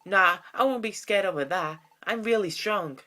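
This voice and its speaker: A man's voice: high voice, normal speed, bright, forceful tone, voice pushed up. A man voicing an earnest, boastful young boy creature in a fan-dubbed game. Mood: eager. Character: boy caterpillar creature, eager and proud.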